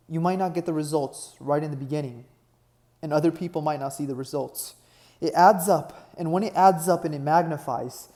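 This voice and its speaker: A man's voice: on the high side, dark tone. Fired-up young motivational coach, man. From Nepal. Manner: earnest, repeats "right?" constantly, builds to emphatic peaks. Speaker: online fitness business coach. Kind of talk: motivational talk to camera.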